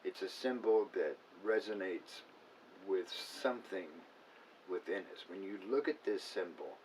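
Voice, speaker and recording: A man's voice: sits low, animated, a little slow, darkish tone. A man who works as an acupuncturist, explaining a topic in an unscripted, casual way, with fillers and restarts. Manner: unscripted, self-correcting, with filler words. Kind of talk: casual educational talk. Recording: voice a bit far from the mic, faint room noise.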